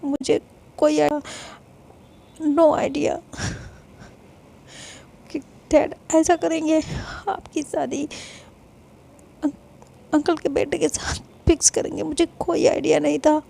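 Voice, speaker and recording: A woman's voice: high-pitched, little pitch movement, slow pace, gravelly, long pauses, warm tone, heavily acted. Woman doing a pleading devoted younger sister. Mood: upset. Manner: pleading, urgent, stumbling repeats. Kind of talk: dramatized story reading.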